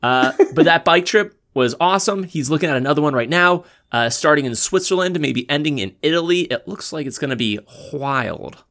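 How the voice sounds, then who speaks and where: A man co-hosting a casual podcast chat, rambling and halting with fillers. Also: fairly high pitch, expressive, fairly bright tone. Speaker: podcast co-host.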